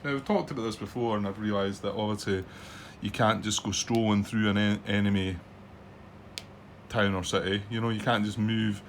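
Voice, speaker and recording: His pitch fairly low and his tone steady, a middle-aged Scottish man speaks at a moderate pace with a faint hiss or hum present. He runs a board wargame channel and gives loose, hesitant commentary on a solo game from home, littered with ums and restarts.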